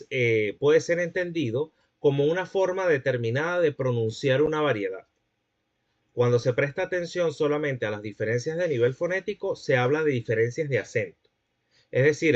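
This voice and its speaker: A man's voice: medium pitch, muffled recording. A man giving a classroom lecture, explaining points and checking that students follow.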